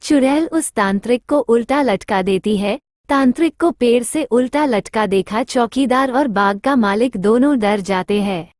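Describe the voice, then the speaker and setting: A woman's voice: fairly high pitch, measured pace, hardly any pauses, no room sound, clean studio sound. A woman narrating a cartoon story in plain scripted storytelling.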